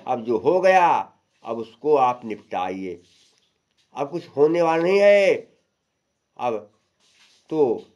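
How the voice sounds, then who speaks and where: A man's voice: medium pitch, darkish tone, pitched below the performer's own voice. A man voicing a dutiful young prince who lectures his father earnestly. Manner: earnest lecturing, partly sung.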